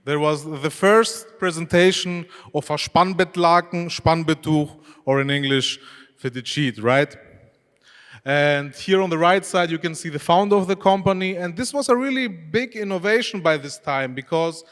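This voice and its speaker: Speaking at a moderate pace with a fairly high, fairly bright voice, this conference speaker, a head of e-commerce and native Greek speaker, chats his way through a stage presentation and quizzes the audience in loosely phrased English. The expo hall adds a long, large-hall reverb.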